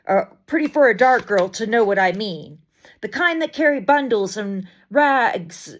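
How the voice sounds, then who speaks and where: A woman with a slightly high voice recites spoken-word poetry by another writer. She delivers it in deliberate short phrases with dramatic emphasis.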